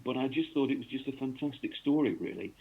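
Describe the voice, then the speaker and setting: Speaking quickly in a medium-pitched, creaky and husky voice, a cricket writer from North East England talks through his work in a radio interview. The rambling talk is full of ums and restarts, and it comes over a tinny phone line.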